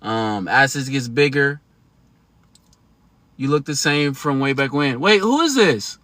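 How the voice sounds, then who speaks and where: Man, thirties, livestream host, slangy and emphatic, bright voice, dry close sound. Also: mid-range voice, animated, a little slow, no room sound. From United States. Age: 30s. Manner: slangy, emphatic, chatty with laughs. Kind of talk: casual livestream talk to viewers.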